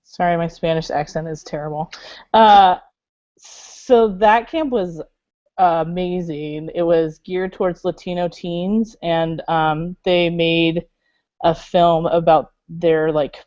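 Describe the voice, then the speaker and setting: On a dull, lo-fi video call, a woman who works at a library makerspace talks in a chatty way, full of fillers and laughter. Her lowish voice is slow, a little mellow, and fairly even in intonation, recorded dry.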